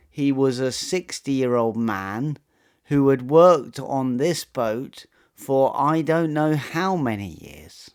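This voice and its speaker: A man narrating a true personal story in a measured, matter-of-fact scripted way. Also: medium pitch, clean tone.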